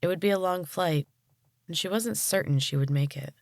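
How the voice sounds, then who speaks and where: A woman podcast host narrating a storybook chapter in a calm, measured way. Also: on the low side, no room sound, clean studio sound.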